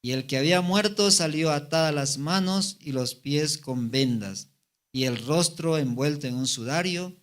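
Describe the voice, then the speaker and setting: Preaching man, raised rhetorical questions. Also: on the high side. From Bolivia. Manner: reads scripture aloud, then comments with rhetorical questions; voice rises and slows for the quoted words. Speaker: evangelist preacher. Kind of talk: sermon with scripture reading.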